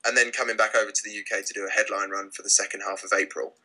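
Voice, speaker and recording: A young British man, a rock band's lead singer, answering interview questions in a relaxed way with many fillers and restarts. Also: on the low side, very fast, poor audio. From Britain. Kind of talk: casual interview.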